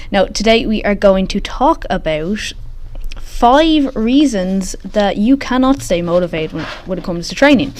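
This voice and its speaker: A woman hosting a casual solo podcast, talking in an informal, chatty way, recorded in the echoey open space of a gym. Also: medium pitch. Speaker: podcast host. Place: large open gym, indoors.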